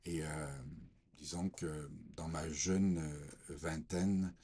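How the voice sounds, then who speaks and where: A man from Portugal giving a hesitant personal faith testimony with scripture reading, pausing often with fillers. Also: extremely low pitch, steady tone, mellow, husky. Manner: slow, hesitant, many fillers.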